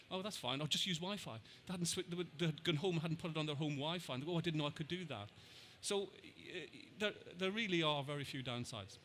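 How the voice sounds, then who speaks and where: Irish man, conference speaker, bright and forward voice, stop-start delivery with repeated words. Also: on the high side, slight background noise. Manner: hesitant, repeats words, quotes people. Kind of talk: answering audience questions.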